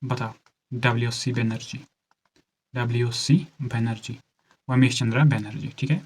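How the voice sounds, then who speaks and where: A male teacher working through exam questions at a measured, unhurried pace. He repeats each answer twice for note-taking and presses his students to answer quickly. His voice sits at an ordinary middle pitch. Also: flat delivery, slightly rough, rough recording. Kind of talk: exam-prep lecture mixing Hindi and English.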